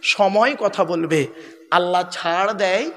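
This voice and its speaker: A middle-aged man preaches a sermon. His voice sits high for a man. He keeps turning to the listeners with fond calls and quick checks that they follow. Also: a bit bright. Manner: addresses listeners as "bapera", repeats rhetorical checks. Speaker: Islamic preacher.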